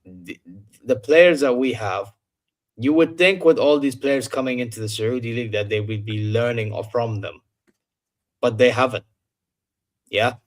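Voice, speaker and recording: A man hosting a casual sports chat, opinionated and repeating himself for emphasis. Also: medium pitch. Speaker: show host.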